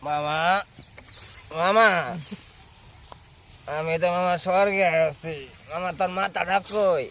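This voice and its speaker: A man's voice: sits high, slow, a bit bright, a little hiss or hum, heavily acted. A man playing a bewildered, deferential drunk sidekick with a Bangladeshi Bengali accent, pleading and repeating himself in an amateur comedy skit.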